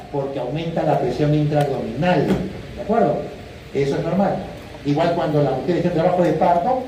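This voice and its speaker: Man lecturing in an echoey room. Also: on the high side. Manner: quizzes students with questions and answer options; animated, acts out patients and students. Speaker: physiology lecturer. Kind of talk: classroom lecture. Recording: echoey room, distant mic, faint hiss.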